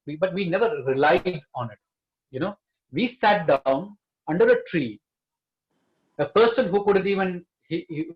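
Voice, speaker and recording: A man's voice: on the high side, highs cut off. A man speaking earnestly as a panelist, stressing key words again and again. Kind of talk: panel discussion.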